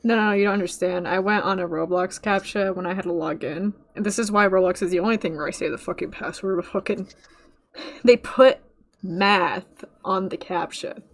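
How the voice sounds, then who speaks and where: A young woman reacting to a show with a friend, loose and sweary, breaking into laughter between quick runs of words. Her voice sits in an ordinary middle range, and she talks in a plain, casual way. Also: mid-range voice. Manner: sweary, laughs a lot, quick bursts of talk. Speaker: reaction video host. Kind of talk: casual commentary chat while watching a show.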